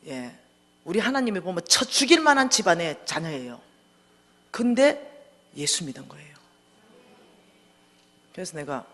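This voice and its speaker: A middle-aged woman, telling a story in an animated, dramatic way as a church lecturer. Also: medium pitch. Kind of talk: storytelling sermon. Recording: echoey hall.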